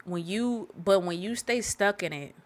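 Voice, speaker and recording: At a measured pace and in a mid-range voice, a woman hosts a solo podcast full of frank, profane life advice. She rambles and preaches directly at her listeners, saying things again and again to drive them home.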